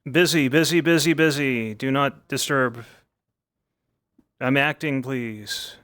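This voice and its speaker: A boisterous, stubby-legged dwarf, put on by a man comes through a voice changer that drags the voice down. He is loud and hammy, hamming up his in-game role, and his pace is slow and heavy. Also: no echo. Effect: voice changer lowering the voice. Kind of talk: in-game roleplay.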